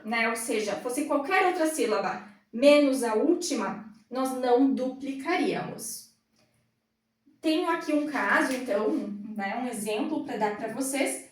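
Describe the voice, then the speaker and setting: A woman teaching English grammar in a classroom, explaining patiently at a whiteboard. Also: fairly high pitch. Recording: roomy echo, mic far off.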